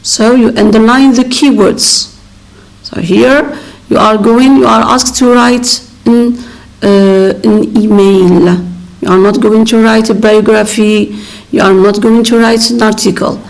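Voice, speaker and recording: A woman teacher walks students through exam exercises, slowly and patiently, repeating each word. Her voice sits fairly high and carries a creaky, gravelly texture. She takes her time over every explanation. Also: fairly even intonation, rough recording. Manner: slow, patient, repeats words and explains step by step. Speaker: English teacher. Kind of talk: exam revision lesson.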